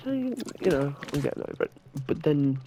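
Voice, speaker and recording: A man's voice: a little high, very animated, a little fast, a little hiss or hum. A young man casually telling a story while gaming, rambling and swearing as he retells what happened. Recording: loud game gunfire behind the voice.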